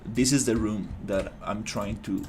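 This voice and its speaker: A little hiss or hum sits under this casual live stream, where a Costa Rican man works on game development. His voice is on the low side and unhurried, and he thinks aloud with many fillers and restarts.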